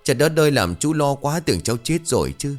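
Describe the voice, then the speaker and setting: A man voicing a soft-hearted middle-aged uncle who exclaims tearfully and dotes loudly. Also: lowish voice, lively intonation, brisk, faint music behind, natural voice. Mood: choked up.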